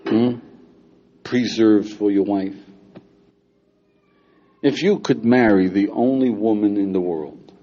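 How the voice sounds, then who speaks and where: Older rabbi guy lecturing students, low dark voice, teasing and chatty, dull old lo-fi tape. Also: slow, pauses often. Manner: conversational, teasing, asks listeners questions often. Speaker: rabbi teaching a class. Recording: dull lo-fi lecture recording with faint hiss.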